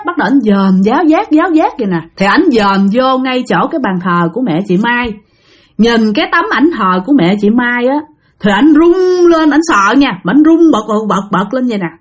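Lively Southern Vietnamese woman storyteller. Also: medium pitch. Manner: lively, dramatic, addresses listeners directly. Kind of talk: ghost story narration.

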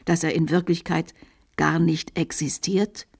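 A woman reading aloud voices a stern, zealous male priest with a sawing voice, warning gravely and insistently. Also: deep voice, flat delivery, unhurried, a little mellow, heavily acted. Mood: insistent hush.

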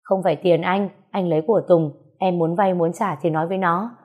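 A woman's voice: on the low side, steady tone, a little fast, darkish tone, natural voice. A woman reading a story aloud, voicing a casual, reassuring man.

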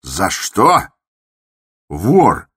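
A man voicing a furious, paranoid male patient in an asylum, shouting bitter accusations in an audiobook. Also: rumbling low, measured pace, breathy edge, dry recording, studio quality, exaggerated voice. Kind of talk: audiobook character voice.

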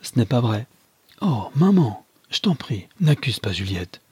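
A man's voice: mid-range voice, big pitch swings, unhurried, dark tone, breathy edge, no room sound, exaggerated voice. A man reading a novel aloud, voicing a distraught young husband who pleads and then cries out in anguish. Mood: pleading. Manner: pleading, rising to anguished outcries. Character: Adolphe, anguished young husband, easily wounded.

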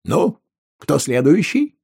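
A man's voice: on the high side, sing-song, slow, creaky, dark tone, slightly rough, voice pushed up, heavily acted. Man voicing a barking cruel interrogator. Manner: curt, barking, contemptuous. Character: sadistic male civilian interrogator, barking orders.

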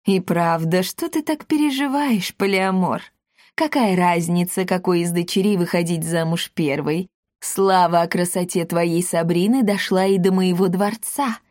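A woman's voice: mid-range voice, expressive, normal speed, few pauses, darkish tone, dry recording, close to an everyday voice. Pompous vain old governor, as a woman reads him, smug, insinuating, storybook reading, dry close sound.

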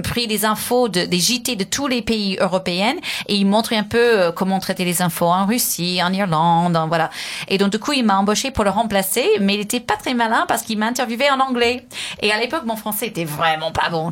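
A woman from the United States with an American accent, speaking non-native French as a guest in a radio interview, lively and chatty with frequent restarts. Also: mid-range voice. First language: English.

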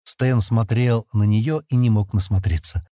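A man narrating an audiobook in a calm, expressive storytelling manner. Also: fairly low pitch, a little slow, dry recording, studio quality. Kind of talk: audiobook reading.

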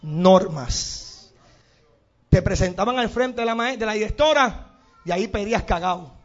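A man with a Puerto Rican accent preaching a sermon as pastor, animated and acting out little scenes with sudden shouts. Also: sits high, a little slow. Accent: Puerto Rican Spanish. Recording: dull lo-fi sound.

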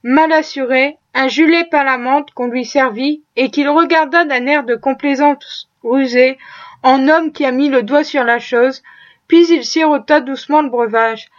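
A woman reading a classic novel aloud in a steady, measured way, on a dull lo-fi recording. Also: sits high. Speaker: audiobook reader.

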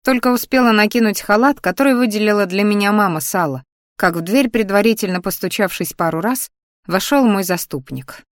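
A woman reading a romantic fantasy audiobook in the first person, at an even, measured pace. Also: mid-range voice, no echo, clean studio sound. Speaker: audiobook narrator.

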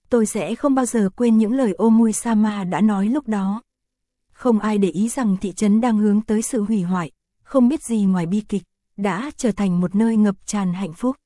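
A woman's voice: medium pitch, no echo, studio quality. Woman reading a fantasy audiobook. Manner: steady, even storytelling read. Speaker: audiobook narrator. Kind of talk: scripted narration of a fantasy novel.

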